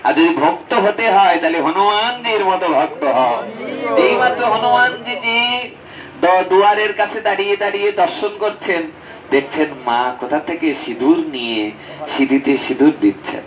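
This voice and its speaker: A man giving a devotional sermon as a storytelling preacher, swinging between high exclamations and low asides. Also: moderate pace, far from the mic, crowd noise, poor audio. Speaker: Bhagavat preacher.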